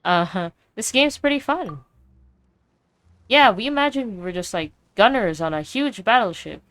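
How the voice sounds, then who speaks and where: A woman's voice: medium pitch, expressive, normal speed, fairly bright tone, lightly acted. Woman doing a chirpy little fairy companion. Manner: eager, curious and chatty. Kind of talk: reading game dialogue aloud.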